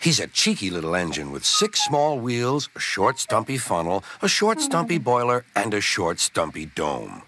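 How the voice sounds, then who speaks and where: Expressive male storybook narrator. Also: on the low side, normal speed, hardly any pauses, background noise. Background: loud music.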